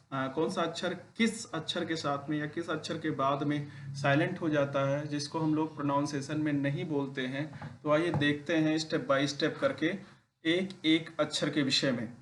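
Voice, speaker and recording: A man teaching an English pronunciation lesson, speaking slowly and deliberately and spelling words out letter by letter. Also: a little high, a little hiss or hum. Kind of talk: classroom-style lesson.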